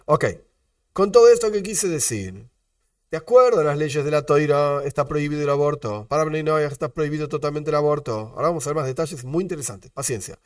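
A man with an Argentine Spanish accent, teaching a religious lesson as a rabbi, animated, asking rhetorical questions and repeating his disclaimers. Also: on the high side, a little fast, no room sound, clean studio sound, distant mic.

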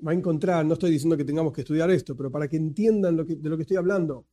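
A man's voice: fairly high pitch, rapid-fire, mellow. A man with an Argentine accent giving a conversational lecture as a teacher, explaining patiently and slipping in joking asides. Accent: Argentine Spanish.

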